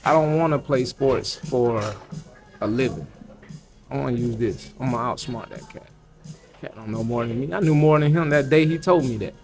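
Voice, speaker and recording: A man's voice: mid-range voice, normal speed, over music. A man telling his own story in a candid, reflective chat, often acting out what others said. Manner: candid, slangy, reflective, tells in quoted dialogue.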